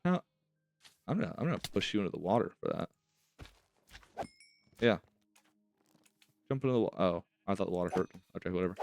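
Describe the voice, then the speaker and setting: A man's voice: deep voice, animated, fairly quick, vocal fry, long pauses, a little mellow, a little hiss or hum. A man with a slight lisp from wearing retainers, hosting a casual, chatty gaming let's-play and talking to himself as he plays. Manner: chatty, rambling, self-talk while playing. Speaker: host of a gaming series.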